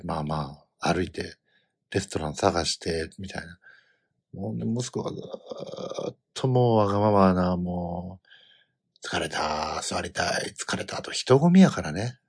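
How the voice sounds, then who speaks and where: A middle-aged man with a Kansai accent tells a rambling family story in a casual way. His voice is low and a little husky, and his pitch swings widely as he gets animated. Now and then he bursts out loudly. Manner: animated storytelling, bursts into loud quoted outbursts. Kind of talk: casual chat.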